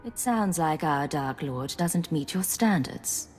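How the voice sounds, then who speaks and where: A woman's voice: deep voice, expressive, slow, darkish tone. A woman playing a cool, composed secret agent in a video game. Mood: cool, wry. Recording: reverberant hall, music behind.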